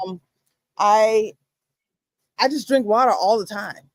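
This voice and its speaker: A woman chatting casually on a video-call livestream, playful and teasing with an animated manner. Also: mid-range voice, slow pace, no room sound.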